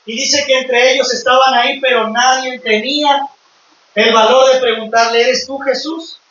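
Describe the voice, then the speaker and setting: A man's voice: very high-pitched, fairly even intonation, moderate pace, bright, forceful tone, slight background noise. A man preaching a sermon to his congregation, retelling scripture with emphasis and calling out to the brethren. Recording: echoey hall, distant dull mic.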